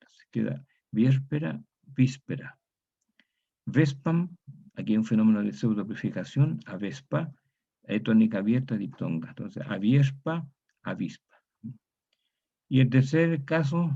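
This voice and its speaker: Gravelly Latin American lecturer, low voice. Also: male voice, warm tone. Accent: Latin American Spanish. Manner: methodical, repeats example words slowly, asks "¿cierto?". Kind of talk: university lecture on historical grammar. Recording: dull lo-fi recording.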